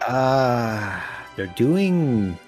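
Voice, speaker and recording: A man's voice: mid-range voice, sing-song, drawn-out words, a little mellow, faint music behind. A man co-hosting a casual chat, sarcastic and swearing often, laughing a lot. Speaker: podcast co-host.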